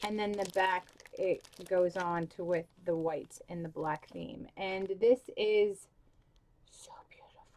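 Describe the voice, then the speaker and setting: A woman's voice: lowish voice, fairly even intonation, slow pace, few pauses, darkish tone. A young woman talking casually to camera about book covers, gushing, with lots of "like" and "um", with the hiccups. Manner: gushing, filler-heavy, with many "like" and "um". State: has the hiccups. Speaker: book vlogger.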